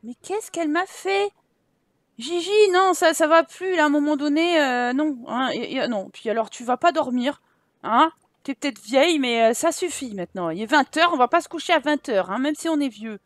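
A woman's voice: high-pitched, lively intonation, fairly quick, no echo, studio quality. A woman giving casual game commentary as a let's play host, chatting and scolding her game characters in exasperation.

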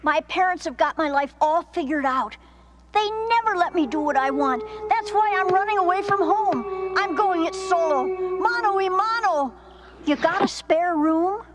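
A woman's voice: very high-pitched, animated, normal speed, noisy background. A woman voicing N.J., a restless, rebellious young cartoon boy with a dramatic, complaining manner. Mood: fed up. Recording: music under the voices.

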